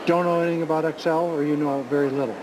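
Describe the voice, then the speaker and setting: A man's voice: on the high side, flat delivery, very fast. A man hosting an infomercial, giving unscripted sales talk in an insistent, repetitive way. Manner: insistent, repeats himself. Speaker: infomercial host and product pitchman. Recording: clearly noisy background ambience.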